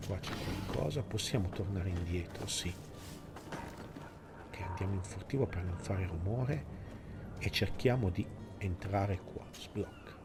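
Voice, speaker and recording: Low-pitched Italian gamer thinking aloud. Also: male voice, normal speed, pauses often, very noisy. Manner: thinking aloud in short phrases. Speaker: gaming video host. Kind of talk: casual gameplay commentary. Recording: music behind the voice.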